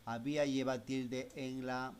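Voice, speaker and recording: A man's voice: mid-range voice, level tone, a little slow, clear, resonant tone. A man teaching a class of children, patiently explaining a computer program step by step and asking them questions as he goes. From Spanish-speaking Latin America. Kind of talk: screen-recorded software lesson.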